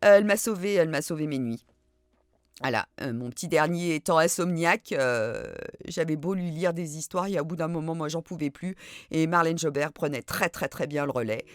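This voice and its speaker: A woman's voice: deep voice, brisk, dry recording, clean studio sound. A middle-aged woman hosting a reading channel, chatting casually and poking fun at herself as she answers viewer questions, with lots of hesitant fillers. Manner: chatty, self-deprecating, many hesitant fillers.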